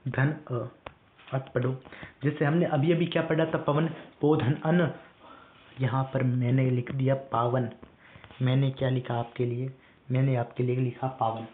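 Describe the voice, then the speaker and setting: Male teacher, strained voice, slow and repetitive call-and-response drilling, phone-quality tinny audio. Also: medium pitch, slight background noise. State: strained, weak voice. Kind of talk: online classroom lesson.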